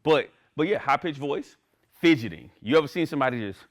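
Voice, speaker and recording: A man's voice: mid-range voice, brisk. A man teaching a class in a conversational lecture, often checking in with the listeners. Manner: animated, conversational, asks "right?" often. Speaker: instructor.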